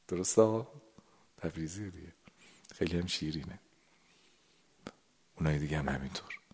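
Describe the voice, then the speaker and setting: A man with a low, expressive, slightly rough and a little mellow voice gives a sermon to a gathered audience. As a religious lecturer explaining a prayer text, he stretches his words out and sometimes drops suddenly to a whisper.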